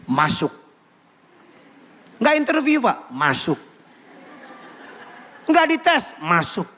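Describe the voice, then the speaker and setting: A male pastor with a notably high speaking voice, preaching with playful energy. He jokes with the congregation and slips into acted quotes before returning to his point. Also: huge pitch swings, very slow, sharp tone. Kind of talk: lively sermon with comic asides.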